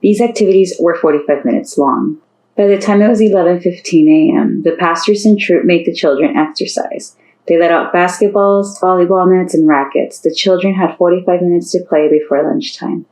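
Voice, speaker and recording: A woman's voice: lowish voice, normal speed, darkish tone, poor audio. A woman narrating a story aloud, reading steadily and lifting her voice for the characters' lines.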